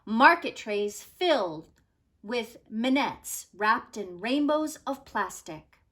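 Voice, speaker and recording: In a rather high voice, a woman reads a children's story, giving every phrase time and letting her pitch wander expressively. She sounds like a teacher reading to students, measured and theatrical in her storytelling.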